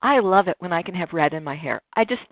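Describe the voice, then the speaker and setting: Talking fast and with animation, a woman in her 60s with a voice on the low side tells reflective stories in a casual interview. She restarts frequently, and the line sounds tinny and dry.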